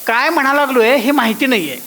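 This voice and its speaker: A man's voice: very high voice, expressive, fast, bright, forceful tone, poor audio. A man with a thin voice teaching a devotional course, often asking his listeners whether they follow and singing out the musical notes as he explains them.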